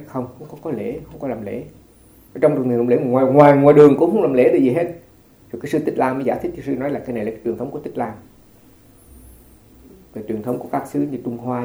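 A man's voice: medium pitch, warm tone. A man giving an informal dharma talk as a Buddhist monk, telling stories in a chatty way with many restarts. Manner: chatty storytelling with frequent restarts and light laughter. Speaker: Buddhist monk teaching a congregation. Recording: echoey room.

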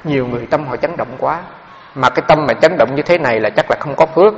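Fast, gravelly monk preaching in a hall. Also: male voice, medium pitch, crowd noise. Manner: animated, addresses listeners directly. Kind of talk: dharma talk with storytelling. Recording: dull, echoey hall.

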